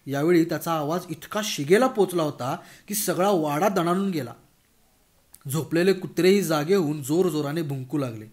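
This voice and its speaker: High-voiced male storyteller. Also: normal speed, a little mellow. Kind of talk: humorous story reading.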